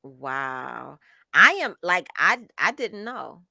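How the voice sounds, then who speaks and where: Middle-aged woman chatting, reads comments out n mulls them over, bright voice, dry sound. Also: medium pitch, expressive, no echo. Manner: reflective, measured, reads comments aloud. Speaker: co-host reading viewer comments. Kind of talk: casual chat.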